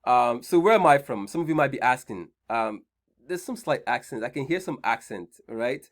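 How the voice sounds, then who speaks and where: A man's voice: medium pitch, animated, moderate pace. A man with a Nigerian accent hosting an online career seminar, chatty, often repeating his points and checking in with "right?". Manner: conversational, repeats key points, frequent "right?" check-ins. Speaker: seminar host.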